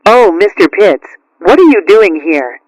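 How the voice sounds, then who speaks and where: A man voicing a caring, gently firm mother cat in a cartoon, in a soothing, motherly manner. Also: high voice, sing-song, measured pace, no room sound, rough recording. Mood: polite suspicion. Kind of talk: cartoon character acting.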